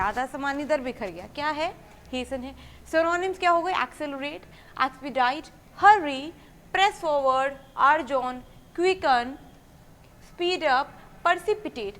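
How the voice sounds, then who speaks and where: A woman teaching English vocabulary to exam students. She explains each word step by step, asks questions and answers them herself, and reads English example sentences slowly and clearly. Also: high voice, fairly bright tone.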